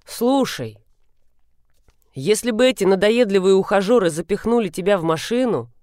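A woman reader voicing a mocking, playful young woman with a sharp tongue, recorded dry and close. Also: mid-range voice, expressive, normal speed, no echo, natural voice. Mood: teasing.

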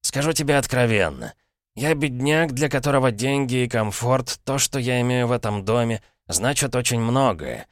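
A scheming middle-aged uncle, all smooth mock courtesy and ironic self-regard, as a male narrator puts him on higher than his own voice. He purrs his lines with a knowing, pompous air. The storybook reading sits close and dry, with no room around it. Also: moderate pace, no room sound, lightly acted. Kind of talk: audiobook character voice.

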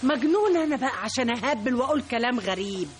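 An actress playing a brash, threatening Egyptian butcher-shop owner in a radio drama, talking in a coarse, bullying way. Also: female voice, a little high, lively intonation, rapid-fire, close to an everyday voice. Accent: Egyptian Arabic. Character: brash menacing woman butcher, rich and threatening. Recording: noisy old radio broadcast.

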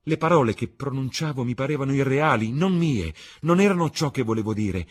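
A man putting on a lovestruck young actress, raised pitch, husky, exalted and pleading. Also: animated, a little fast, natural voice. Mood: rapturous.

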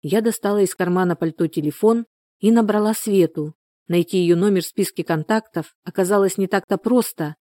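A woman narrating a first-person audiobook in a measured, steady storytelling manner. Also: medium pitch, no room sound, studio quality.

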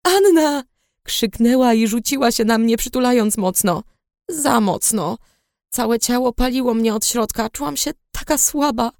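A woman reading a novel aloud in first person, in a subdued, low-key storytelling manner. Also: normal speed, a little mellow, no echo, studio quality. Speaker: audiobook reader. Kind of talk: first-person scripted narration.

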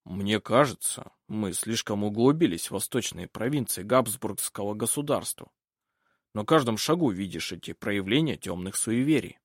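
A man as a husky, self-assured old baron. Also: on the low side, expressive, normal speed, dry recording, clean studio sound. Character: self-assured older French baron, an uncle. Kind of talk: audiobook character reading.

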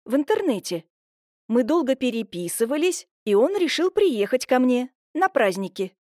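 A woman voicing a bustling, scheming middle-aged village woman who talks in quick, exclamatory bursts. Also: high voice, very animated, darkish tone, dry recording, studio quality. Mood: fussy. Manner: fast, fussy, exclamatory.

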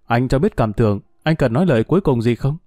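A man's voice: mid-range voice, expressive, quick pace, mellow, no echo, studio quality, lightly acted. A man voicing a male newspaper reporter asking insistent questions.

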